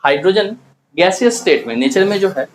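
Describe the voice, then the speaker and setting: A man's voice: high voice, lively intonation, fairly quick, a little hiss or hum, rough recording. A male chemistry teacher, giving a classroom lecture and asking and answering his own questions as he explains step by step.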